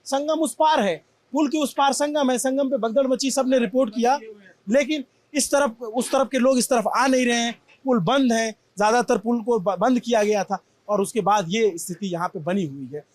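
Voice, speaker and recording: A man's voice: very high voice, normal speed. A man from Prayagraj, India, giving an impassioned, emphatic on-site news report from a damaged shop. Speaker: field reporter. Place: at a damaged shop after a crowd crush.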